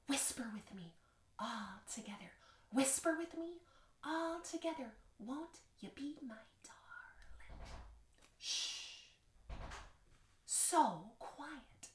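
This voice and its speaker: Casting: bright, high-voiced woman for a kids' music class, playful and sing-song, roomy living-room sound. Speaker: music teacher. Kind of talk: children's music lesson. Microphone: camera across the room.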